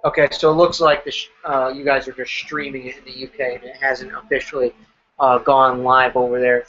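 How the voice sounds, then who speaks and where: A man hosting a live wrestling reaction show, excitable and joking as he reacts to what's on screen. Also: medium pitch, brisk, lo-fi sound.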